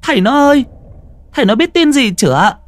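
A man voicing a village wife who excitedly spreads gossip to her husband in a high, shrill voice. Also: brisk, no echo.

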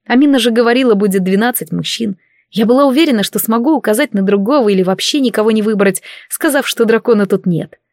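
A woman reading a first-person fantasy audiobook in an emotive, measured way. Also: fairly high pitch, a little mellow, dry recording, clean studio sound. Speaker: audiobook narrator.

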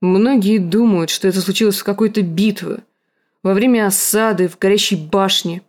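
In an audiobook, a medium-pitched woman voices a hulking, scarred and bitter warrior, lightly acting him with a rasping, gruff, slow and threatening delivery. The tone leans somewhat dark.

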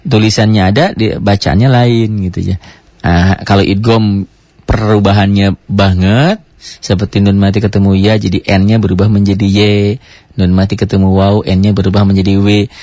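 Low-voiced man teaching Quran recitation. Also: flat delivery, a little mellow, no echo, highs cut off. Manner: explains step by step with many "gitu" tags, slows to recite examples. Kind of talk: tajwid lesson, explaining and demonstrating recitation.

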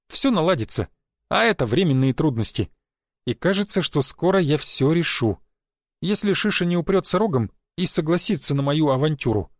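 A man narrating an audiobook in a steady, measured reading. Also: fairly high pitch, no room sound, clean studio sound. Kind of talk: scripted narration.

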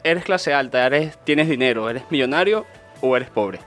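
Un hombre venezolano de treinta y pocos años, invitado a una entrevista, hablando de forma relajada y reflexiva con algunas dudas. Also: male voice, mid-range voice, lively intonation, moderate pace, a bit bright, soft background music. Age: 30s. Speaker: interview guest. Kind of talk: casual interview.

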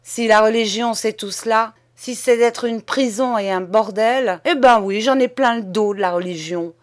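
A woman reading an audiobook, voicing a young chambermaid who rails at a nun with loud, mocking defiance. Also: on the high side, steady tone, moderate pace, no room sound, clean studio sound, close to an everyday voice. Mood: furious.

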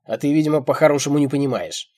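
Tyrannical old man, shouting, husky edge, done by a male reader. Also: medium pitch, very animated, normal speed, no echo, clean studio sound. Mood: raging. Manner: shouting, bullying. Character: cruel domineering old man, barking orders.

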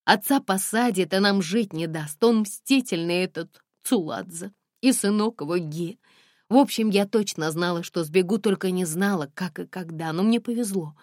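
A woman reading a stubborn young runaway bride who talks quickly and emphatically. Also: fairly low pitch, a little mellow, no room sound, clean studio sound, voice pushed up, natural voice. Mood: bitter.

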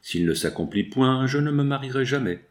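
A man's voice: mid-range voice, animated, moderate pace, close to an everyday voice. A man reading aloud and voicing a frail young woman in love who pleads tearfully with her father. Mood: pleading. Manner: tearful, imploring.

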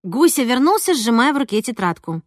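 A woman narrating a first-person audiobook in a lively, conversational way. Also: fairly high pitch, a little fast, dry recording, studio quality. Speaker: audiobook reader.

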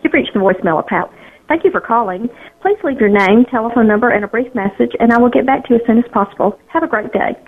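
Brisk, high woman's voicemail greeting over a tinny phone line, polite and scripted. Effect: voicemail greeting heard over the phone.

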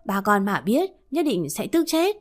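A woman voicing an anxious middle-aged mother who gently coaxes her family. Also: medium pitch, sing-song, unhurried. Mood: shocked.

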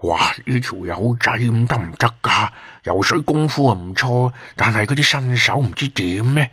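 A man voicing a jittery, soft-hearted young man who blurts and stammers when upset. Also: low-pitched, fairly even intonation, moderate pace, husky, heavily acted. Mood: worried. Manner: stammering, agitated outbursts.

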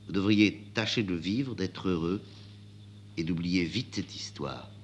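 A man voicing a young milliner woman, spirited and proud, with his voice raised high. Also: a little slow, slight background noise. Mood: earnest. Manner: pitched up high, lively and indignant.

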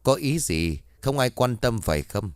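A man's voice: mid-range voice, very animated, unhurried, clean tone, no room sound. A man voicing a stern old male exorcist who scolds a ghost, in a spoken storybook.

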